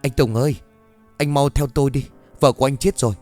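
Give me a man playing a frantic village neighbor, fast and urgent. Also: mid-range voice, expressive, darkish tone, soft background music, lightly acted. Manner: breathless and urgent.

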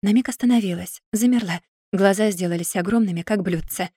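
A woman narrating a fantasy audiobook in an even, measured storytelling manner. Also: mid-range voice, breathy edge, dry recording, studio quality. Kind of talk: scripted fairy-tale narration.

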